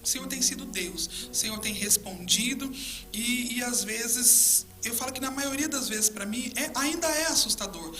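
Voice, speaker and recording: A Brazilian woman pastor with a high, bright voice, telling her testimony in a lively storyteller's way. She acts out conversations as she tells them. Faint music plays behind her. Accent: Brazilian Portuguese. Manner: animated storytelling, acting out dialogue with God. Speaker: pastor and guest. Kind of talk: testimony in a faith interview.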